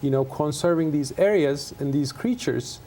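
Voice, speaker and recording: A middle-aged Turkish man, a native speaker working as a conservation scientist, talks earnestly in a casual TV studio interview, with many fillers and restarts. His voice is on the high side and warm, at normal speed, with slight background noise.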